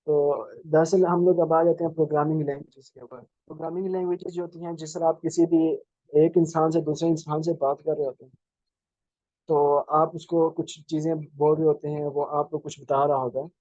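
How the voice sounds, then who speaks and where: A man giving a programming lecture, explaining slowly with many fillers and restarts, over a video call. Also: fairly high pitch, little pitch movement, warm tone, dry recording, lo-fi sound. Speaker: programming instructor. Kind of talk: live online lecture.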